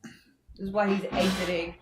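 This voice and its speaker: A woman with a hoarse, scratchy throat chatting casually and bluntly on a livestream, swearing freely and rambling. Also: mid-range voice, little pitch movement, moderate pace, roomy sound. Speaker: co-host on a livestream. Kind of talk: casual chat.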